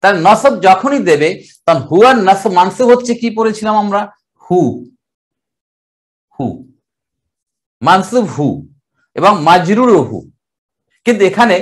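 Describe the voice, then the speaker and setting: An older Bangladeshi man with a high voice gives a classroom lecture on Arabic grammar, explaining step by step and drawing out the Arabic words slowly.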